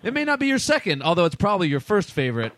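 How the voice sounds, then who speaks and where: A man's voice: high voice, sing-song, very fast, a bit bright, no echo. A man co-hosting a casual podcast, sarcastic and profane, slipping into mock-dramatic bits. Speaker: podcast co-host.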